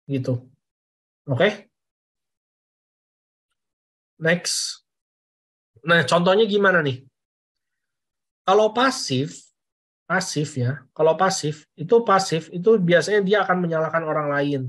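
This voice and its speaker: A man's voice: fairly high pitch, fairly bright tone. A man giving a casual parenting lesson to parents over slides, repeating phrases and checking in with "oke?". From Indonesia. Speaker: parenting educator.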